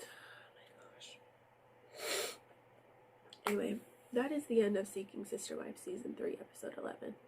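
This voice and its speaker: A woman's voice: medium pitch, vocal fry, warm tone, slight background noise, poor audio. A woman hosting a casual TV recap, outspoken and exasperated, with a nasal, stuffy voice and sniffles. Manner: outspoken, exasperated, talks straight to viewers. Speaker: TV recap host.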